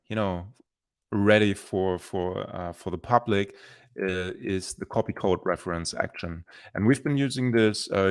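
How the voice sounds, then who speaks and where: Low-voiced man giving a live code demo. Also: clear, resonant tone. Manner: thinks aloud with restarts and fillers. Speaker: developer presenter. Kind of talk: live-streamed software demo.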